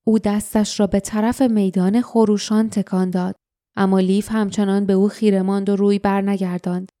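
A woman narrating a fantasy audiobook in a steady, dramatic storytelling manner. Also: mid-range voice, no room sound, studio quality.

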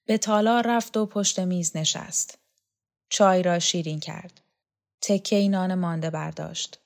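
Woman narrating a novel, measured. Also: fairly low pitch. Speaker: audiobook reader. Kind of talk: scripted story narration.

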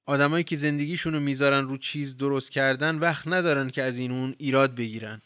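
A calm, earnest handyman in a storybook, read by a man. He speaks plainly in a smooth, clear voice that is recorded dry. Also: mid-range voice, no room sound, lightly acted. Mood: remorseful.

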